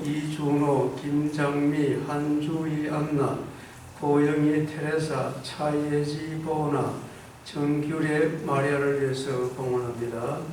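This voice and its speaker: A male priest leads Mass with formal, recited delivery. His voice sits a little high and comes from a distance, washed in strong church echo over faint noise. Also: a little mellow. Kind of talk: liturgical speech and prayer. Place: large echoing church during Mass.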